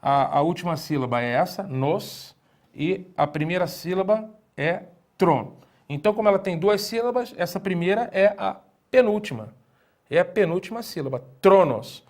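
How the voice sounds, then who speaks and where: A man giving a recorded language lesson, explaining patiently, asking rhetorical questions and repeating key words slowly. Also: sits high, lively intonation, darkish tone. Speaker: Greek teacher.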